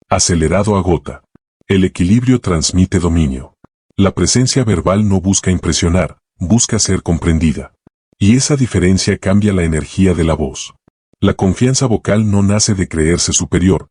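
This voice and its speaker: A man giving calm, measured scripted narration of an audiobook. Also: deep voice, breathy edge, no room sound, studio quality. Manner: calm, measured, even delivery.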